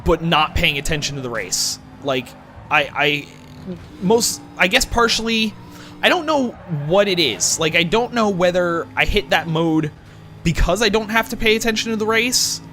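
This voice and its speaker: A man's voice: high-pitched, lively intonation, moderate pace, bright, forceful tone, a little hiss or hum. A young man rambling casually as he plays through a racing game, questioning himself and swearing now and then. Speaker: gaming channel host. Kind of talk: rambling let's-play commentary.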